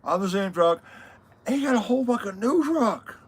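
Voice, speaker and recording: A husky-voiced man whose pitch swings lively as he tells stories. He co-hosts a casual vlog and talks bluntly, with plenty of swearing. The delivery is animated and offhand. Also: moderate pace. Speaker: co-host of a travel vlog. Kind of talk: casual chat.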